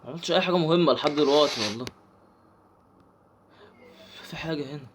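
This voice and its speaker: A man's voice: fairly high pitch, fast, noisy background. A young man with an Egyptian accent, commentating a horror game he is playing, talking to himself and yelping when startled. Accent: Egyptian Arabic. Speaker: gaming channel host.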